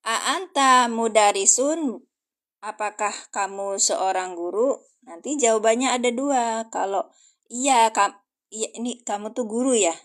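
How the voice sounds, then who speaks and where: A woman, teaching Arabic grammar on a live stream. She talks casually, answers viewers as she goes and slows down to spell out the examples. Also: on the high side. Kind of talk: casual livestream lesson.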